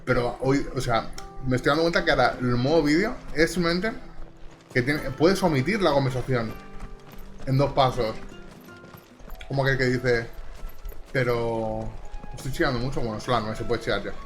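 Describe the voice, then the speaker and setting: A man's voice: medium pitch, moderate pace, long pauses, faint music behind. A young man with an accent from Spain, commenting on a game in a rambling, chatty, easily flustered way. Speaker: gaming streamer. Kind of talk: casual live commentary. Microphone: close desk mic.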